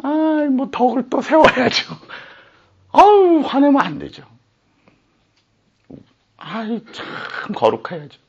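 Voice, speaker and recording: A man's voice: a little high, big pitch swings, a little slow, hardly any pauses, slightly rough, heavily acted. A man putting on the voice of a smug, self-righteous churchgoer in a mocking sing-song, on a slightly dull recording.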